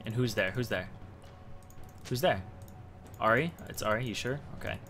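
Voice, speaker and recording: This gamer, a young man recording a strategy guide, speaks at a normal speed in a mid-range voice. His commentary is casual and explanatory, as though he's reasoning through the game while playing, with faint game audio in the background.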